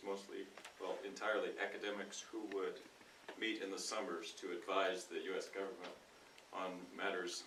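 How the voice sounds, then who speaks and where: A man reads nonfiction aloud as a speaker in a reading contest, with a bright, forceful voice. His delivery is deliberate and emphatic, broken into short phrases. The room echoes around him and the microphone sits at a distance. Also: on the low side. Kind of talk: expressive reading aloud of nonfiction to a live audience. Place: indoor room at a speaking club meeting. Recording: roomy, distant mic with faint noise.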